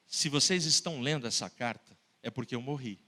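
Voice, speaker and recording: A man's voice: mid-range voice, brisk, bright, forceful tone, voice pushed down. A man preaching a sermon and voicing a teenage boy's heartfelt farewell letter to his family. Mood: earnest. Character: loving teenage boy writing a farewell letter. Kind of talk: sermon storytelling.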